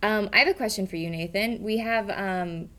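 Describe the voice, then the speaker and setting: A woman's voice: medium pitch, normal speed, pushed and bright. A woman leading a casual podcast chat, asking her castmates questions. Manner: encouraging, many backchannels. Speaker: podcast host, asks questions.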